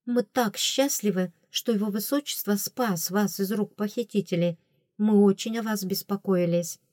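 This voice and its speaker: A woman's voice: mid-range voice, normal speed, darkish tone, dry recording, studio quality, close to an everyday voice. A woman voicing a young lady-in-waiting who speaks in a touched, fluttery way. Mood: gushing.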